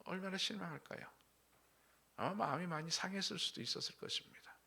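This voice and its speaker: A man's voice: high-pitched, fast talker, gravelly, breathy edge. A male pastor preaching a sermon, asking the congregation questions and acting out quotes. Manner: animated preaching with acted quotes and rhetorical questions.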